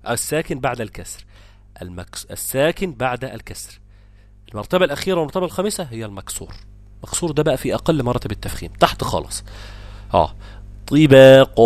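A man with an Egyptian accent teaches a tajweed lesson, moving from quick explanation to slow, stretched-out example words. His voice sits at an ordinary middle pitch. The recording is close and dry, with no room sound. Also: dry recording. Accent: Egyptian Arabic. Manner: explains rules, then drawls out example words slowly. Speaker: Quran recitation teacher.

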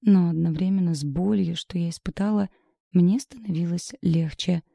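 A woman narrating a first-person audiobook in a measured, intimate, introspective way, with a husky voice. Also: on the low side, warm tone, no room sound, clean studio sound.

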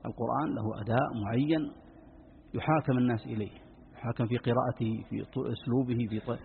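A man, a sheikh explaining Quran recitation rules to students in quick asides. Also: medium pitch, steady tone, creaky, a little hiss or hum. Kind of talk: lesson commentary on a text. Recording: tinny phone-like line, long reverb.

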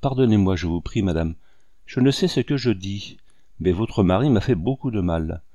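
A man's voice: low-pitched, lively intonation, normal speed, mellow, no room sound, dull audio. A man reading the lines of a young noblewoman taken captive, in an earnest, emotional audiobook delivery.

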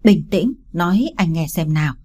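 A kind young male coworker, calm and comforting, as a woman narrator voices him. The voice is low, mellow and a little husky. An audiobook story voice. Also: moderate pace. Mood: soothing. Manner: soothing, calm.

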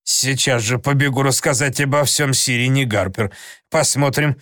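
A man's voice: medium pitch, fairly bright tone, no echo, clean studio sound, lightly acted. A man putting on a fussing pious old aunt. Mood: amazed. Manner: exclaiming, fretful, slow and emphatic. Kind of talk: audiobook character voice.

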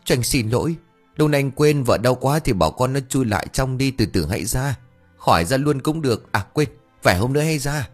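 A man's voice: lowish voice, expressive, a little fast, faint music behind. A man voicing a flustered, scatterbrained young husband who rambles and blusters. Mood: panicked.

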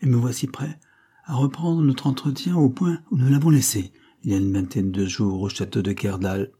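A proud, cornered false duke, stiff and indignant in his replies, read by a male audiobook narrator. The voice is very dark and mellow, slightly husky. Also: medium pitch, steady tone, moderate pace. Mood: cold, indignant.

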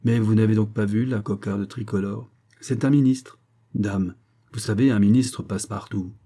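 Cab driver played by a man, blunt, exasperated, colloquial, raised pitch, husky, storybook reading. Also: fairly even intonation, moderate pace, mellow. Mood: matter-of-fact. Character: impatient Parisian cab driver, plain-spoken.

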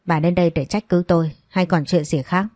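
A woman's voice: lowish voice, fairly even intonation, fairly quick, a little mellow, no room sound, clean studio sound, natural voice. A woman voicing a wealthy older man who apologizes and pleads for forgiveness, in a storybook reading. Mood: guarded.

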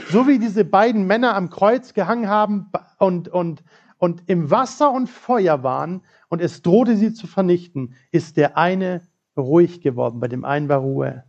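Male preacher, fairly high pitch with a gravelly edge, earnest storytelling sermon, dull lo-fi church recording. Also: darkish tone. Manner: earnest storytelling with quoted prayers.

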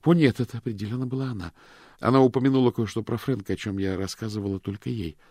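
A man voicing a talkative, anxious woman on the phone who chatters in a high voice and drops to whispers. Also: fast, warm tone, dry recording, clean studio sound. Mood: flustered.

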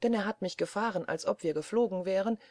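A woman reading the lines of a cheerful, brisk young male traveler who answers in a light, easygoing way. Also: medium pitch, a little mellow, no room sound, close to an everyday voice.

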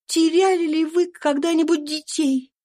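A woman's voice: very high voice, steady tone, measured pace, warm tone, voice pushed up. A woman voicing a desperate runaway mother. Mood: earnest. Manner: pleading, fervent, trembling with urgency.

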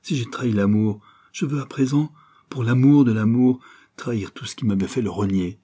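A man's voice: mid-range voice, moderate pace, mellow, husky, voice pushed up, lightly acted. A man reading an audiobook, voicing a passionate young bourgeois woman in an impassioned, declamatory way. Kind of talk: audiobook character voice.

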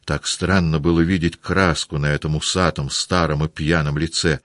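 A man narrating a classic novel as an audiobook, with a measured, steady reading. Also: extremely low pitch, dry recording, clean studio sound. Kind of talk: scripted narration.

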